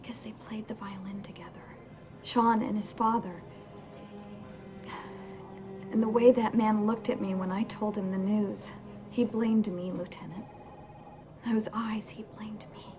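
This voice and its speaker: A shaken, guilt-ridden woman surgeon in a film thriller, played by an actress. She speaks earnestly and quietly at a medium pitch, with a clear score behind her. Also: steady tone, slow, long pauses, music in the background, lightly acted. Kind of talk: film drama dialogue.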